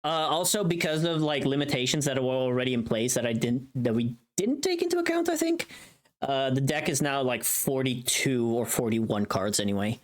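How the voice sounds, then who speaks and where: Speaking at a moderate pace, the livestream host uses a mid-pitched voice whose intonation swings in a very animated way. It sounds like profane, casual thinking aloud during on-screen work.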